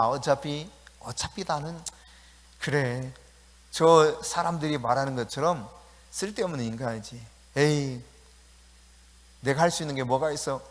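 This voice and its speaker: A self-pitying blind beggar muttering in resignation, played by a preaching man. He speaks quietly and a little lower than usual. His words ring out in a reverberant church hall. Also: measured pace, pauses often, close to an everyday voice. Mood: resigned.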